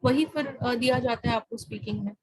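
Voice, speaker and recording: Speaking a little fast in a slightly high, somewhat rough voice, this Indian-accented woman coaches IELTS speaking on a video call. She switches between Hindi and English and keeps asking whether her student understands. There's no echo, but the audio quality is low.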